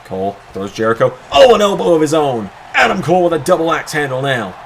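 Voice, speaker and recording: Man calling wrestling like an excitable commentator, over noise. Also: on the high side. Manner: excitable wrestling commentator delivery, drawn-out calls of moves. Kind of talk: wrestling commentary of a video game match.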